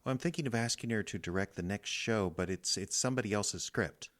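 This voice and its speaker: A man's voice: fairly low pitch, a little fast, fairly bright tone, lightly acted. An actor playing a nervous, easily panicked male station boss who stammers and hesitates, in a comedic audio drama. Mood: awkward.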